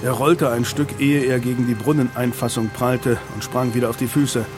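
Brief: male audiobook narrator, mid pitch, steady storytelling, music bed. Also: normal speed. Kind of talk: scripted narration.

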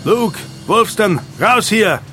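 A man voicing a stubborn grown man who shouts orders to his companions during a storm. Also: a little high, animated, a little slow, pitched above the performer's own voice. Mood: shouting commands. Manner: shouting commands over the storm. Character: stubborn adult man leading others through a storm. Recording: music bed underneath.

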